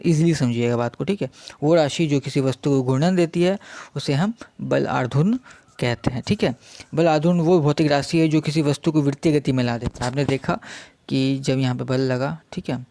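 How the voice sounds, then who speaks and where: A young man teaching a casual exam-prep physics lesson, speaking slowly and repeating himself, constantly checking in with his listeners. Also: mid-range voice, vocal fry, dark tone, no echo. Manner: slow, repetitive, checks in with "theek hai" constantly.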